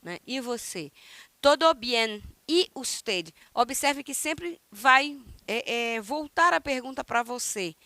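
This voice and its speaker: A Brazilian woman, native Portuguese speaker, teaching a recorded Spanish lesson, who pronounces phrases slowly and emphatically and then adds quick asides, checking in with "né?" and "tá?". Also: on the high side, animated, sharp tone, no echo. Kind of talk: recorded online language lesson.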